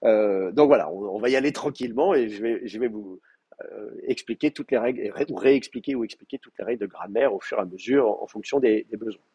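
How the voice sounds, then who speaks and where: A man's voice: fairly low pitch, quick pace, dark tone, husky, muffled recording. A man lecturing a Hebrew class, explaining patiently with many fillers and restarts. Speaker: Hebrew teacher. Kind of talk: university lecture.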